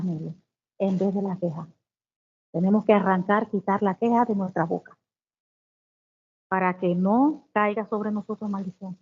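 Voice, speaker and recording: A woman leads a devotional Bible teaching, reading scripture slowly before explaining it with exclamations. Her voice is medium-pitched with a breathy edge, and the sound is tinny, like a phone.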